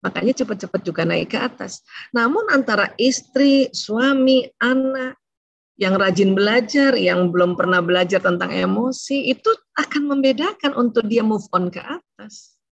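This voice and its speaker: A woman giving a religious seminar talk on family and emotions, explaining in a conversational way and often tagging her phrases with a soft "ya". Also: a little high, animated, normal speed, vocal fry, no room sound, highs cut off. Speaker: Islamic lecturer on family and emotions.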